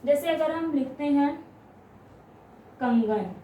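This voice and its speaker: Soft-voiced teacher in an echoey room. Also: female voice, a little high, far from the mic, a little hiss or hum. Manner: explains step by step, asks and answers her own questions; drawls example sounds slowly. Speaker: Hindi grammar teacher. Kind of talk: classroom explanation.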